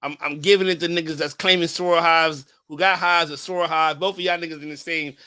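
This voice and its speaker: High-pitched man, sharp bright tone, casual banter, animated and profane, repeats himself for emphasis. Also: brisk, clear, resonant tone, no room sound, clean studio sound. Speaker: host judging a hair wave competition.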